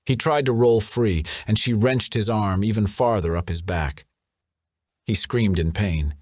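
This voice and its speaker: A man reading a thriller audiobook in a measured, even scripted narration. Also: fairly low pitch, no room sound, clean studio sound.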